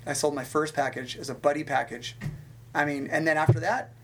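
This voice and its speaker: A man talking as a guest in a casual interview, telling stories from his working life in an animated way, with big swings in pitch and quick restarts. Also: slight background noise. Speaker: fitness instructor and guest. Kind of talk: storytelling in a conversational interview.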